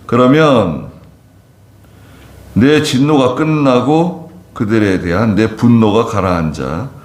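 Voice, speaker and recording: A male pastor giving an expository sermon, reading scripture and then explaining it slowly, asking the congregation questions. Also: medium pitch. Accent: Gyeongsang-Chungcheong border dialect roots. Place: church sanctuary. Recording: roomy church echo.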